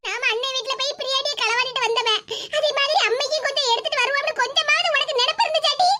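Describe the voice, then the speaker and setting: A squeaky, grumbling old mother. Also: fairly even intonation, fast talker. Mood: scolding. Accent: Tirunelveli Tamil. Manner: scolding, self-pitying laments. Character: grumbling old mother, bitter about her children. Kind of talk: cartoon voice acting. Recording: loud background noise.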